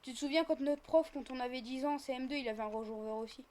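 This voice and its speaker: A woman who hosts gaming roleplay videos talks quickly in a high, slightly mellow voice. She improvises casually while playing and chats through every action as it happens. Slight background noise is present.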